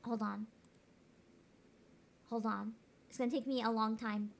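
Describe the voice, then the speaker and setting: A woman's voice: fairly even intonation, unhurried, creaky. A woman streaming a game through a voice changer, giggling and swearing while she chats casually. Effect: voice changer raising the pitch. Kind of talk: casual gameplay commentary.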